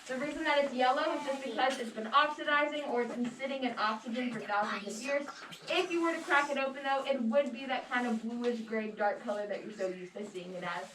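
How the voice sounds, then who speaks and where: A woman's voice: fairly high pitch, a little fast, a bit bright. A woman working as a tour guide, talking casually and jokingly to a group inside an echoing cave. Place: underground cave room. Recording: echoey cave, distant mic, clear background noise.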